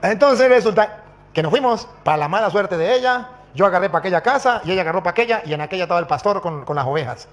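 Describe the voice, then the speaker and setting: Middle-aged priest who preaches animatedly and acts out stories; high-pitched male voice. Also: quick pace. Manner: animated, quotes scripture and acts out dialogue.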